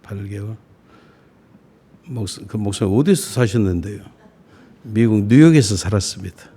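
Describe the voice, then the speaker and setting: A middle-aged man preaching a sermon as a pastor, folksy and self-deprecating, with slow deliberate phrasing that rises on key words. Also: on the low side, lively intonation, dark tone, slightly rough. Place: church sanctuary.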